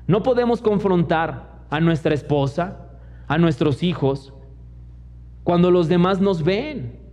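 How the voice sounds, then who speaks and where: Man, young, Mexican accent, pastor, sermon, storytelling with acted-out quotes, mellow tone, long hall reverb. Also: high-pitched, animated, slow. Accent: Mexican Spanish. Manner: storytelling preacher who mimics others in quoted asides. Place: church hall. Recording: long church hall reverb, dull lo-fi sound.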